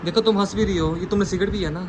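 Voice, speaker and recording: A young man, loudly accusing and scolding during a prank at home. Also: sits high, racing, a loud crowd. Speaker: vlogger, husband in a prank. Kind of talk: prank vlog confrontation. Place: home bedroom, indoors.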